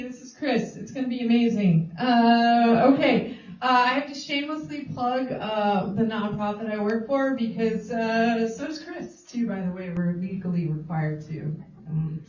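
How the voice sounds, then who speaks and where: A woman scientist opening her talk at a public meeting, jokey and self-deprecating with many fillers. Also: on the high side. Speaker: scientist and invited expert. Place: large echoey public hall. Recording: dull roomy recording from far off.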